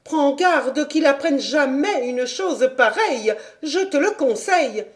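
A woman voicing a strict, indignant governess in an audiobook, scolding in sharp questions. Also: high-pitched, expressive, moderate pace, pitched above the performer's own voice. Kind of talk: audiobook character voice.

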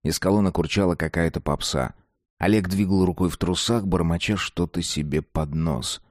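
A man reading a dark story aloud, slow and deliberate. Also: low voice, no room sound, clean studio sound. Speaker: narrator. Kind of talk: scripted narration of a dark story.

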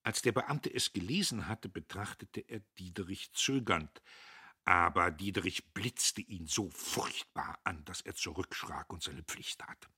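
Husky, expressive male audiobook narrator. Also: low voice, a little slow, no room sound, studio quality. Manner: expressive, dramatic. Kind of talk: scripted novel reading.

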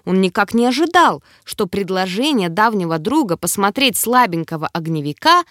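A woman reads a fantasy audiobook with dramatic expression, her pitch rising and falling vividly from line to line. The voice sits in a middle register and is recorded close and dry. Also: normal speed, no echo. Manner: expressive, dramatic first-person reading. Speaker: audiobook narrator. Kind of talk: scripted fantasy narration.

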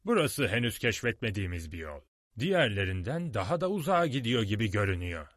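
A scornful older scientist with a sharp, scolding edge and a low voice, as a storyteller puts him on. His pitch moves a lot, in the manner of an audiobook character. The sound is dry and close. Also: big pitch swings, quick pace, no room sound. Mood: thoughtful.

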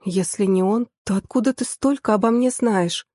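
A woman voicing a fiery, sarcastic young woman in an audiobook, sharp, mocking and quick to flare up. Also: medium pitch, dry recording, clean studio sound, lightly acted. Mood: indignant. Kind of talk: audiobook character voice.

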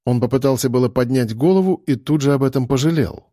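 A male audiobook narrator with a medium-pitched voice reads a novel aloud in an even, measured way. The scripted narration is studio quality, with no room sound.

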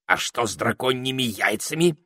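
A man voicing a bossy, wise old male parrot who speaks briskly. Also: medium pitch, expressive, sharp tone, dry recording, studio quality, pitched above the performer's own voice.

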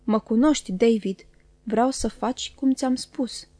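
A woman reading the part of a cold, stern man who speaks slowly and gravely, with commanding authority. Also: fairly high pitch, a little mellow, dry recording, natural voice. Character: stern, cold middle-aged man, harsh stepfather.

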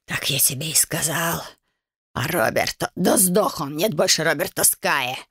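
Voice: mid-range voice, lively intonation, drawn-out words, fairly bright tone, no echo, studio quality, full character voice. An audiobook narrator voicing a beaten, spiteful male villain who wheezes and hisses. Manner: hoarse wheezing hiss.

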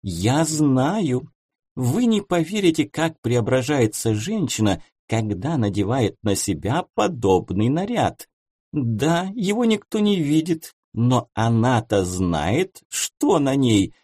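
A man voicing a confident woman dressmaker who talks in a smooth, persuasive way. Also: mid-range voice, big pitch swings, takes it slowly, a little mellow, no room sound, clean studio sound, exaggerated voice.

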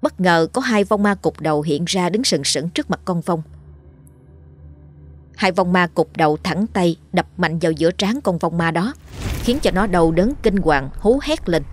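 A woman narrating a horror story in a steady, dramatic way. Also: on the low side, normal speed. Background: faint music.

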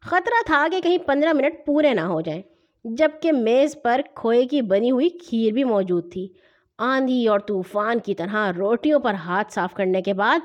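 A woman narrating a children's story with a lively, expressive reading. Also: a little high. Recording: dull lo-fi recording.

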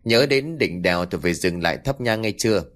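A man's voice: fairly low pitch, animated, fairly quick, a bit bright. A man voicing a frightened, superstitious male truck driver warning his nephew. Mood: cautioning. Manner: anxious, trembling.

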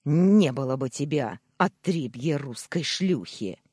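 A narrator doing a blustering fat uncle in an audiobook, voice jumping high and low, spluttering and shrill, dry close sound with no room to it. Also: male voice, sing-song, takes it slowly, darkish tone, no echo, heavily acted. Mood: shrieking. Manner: shrieking, spluttering, then nervous babbling. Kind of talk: audiobook reading.

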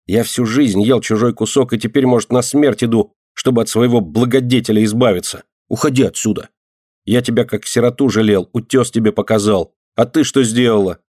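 A man reading an audiobook and voicing a proud, rough street boy who scolds loudly. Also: lowish voice, normal speed, no echo, clean studio sound, pitched above the performer's own voice, natural voice. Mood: angry. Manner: gruff, scolding, loud.

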